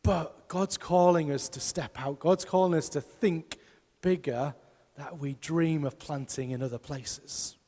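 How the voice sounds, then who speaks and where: In a large church hall, a man preaches a sermon as pastor, speaking emphatically and putting rhetorical questions to his congregation. His voice is a little high with a dark tone, and he takes his time.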